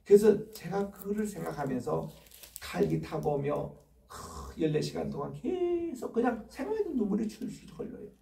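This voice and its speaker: An older man preaching a sermon, telling personal stories with swings from hushed to loud. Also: sits high, very animated, normal speed, vocal fry. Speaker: pastor. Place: church sanctuary. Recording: echoey church room from far off.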